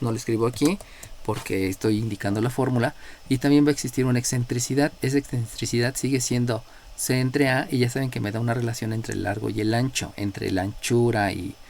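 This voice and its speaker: A man with a Mexican accent teaches a live math class at a middle pitch. He explains step by step, checks in often with his students and calls on them by number. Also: darkish tone, a little hiss or hum. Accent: Mexican Spanish.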